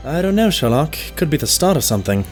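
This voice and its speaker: A man as Doctor Trotson, expressive stallion narrator. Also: fairly high pitch, quick pace. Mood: hopeful. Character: loyal, thoughtful stallion doctor, detective's companion. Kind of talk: storytelling narration in cartoon audio drama. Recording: faint music behind.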